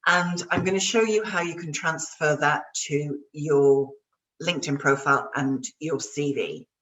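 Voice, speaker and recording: A woman's voice: sits low, measured pace, fairly bright tone, recorded from a distance, low-quality recording. A woman career coach giving an online workshop, speaking in an upbeat, encouraging way directly to her audience. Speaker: career coach and webinar presenter.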